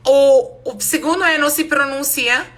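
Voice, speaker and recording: In a high, slightly bright voice, a woman teaches an English pronunciation class live online. She explains slowly and repeats each word for her students.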